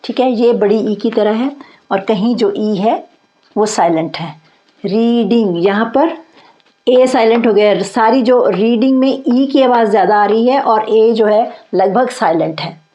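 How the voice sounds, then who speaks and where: Unhurried and mellow, a slightly high-pitched woman gives an English grammar lesson in Hindi; the recording's highs are cut off. She reads out example sentences with patience, goes over points again, and keeps checking with her students using "theek hai."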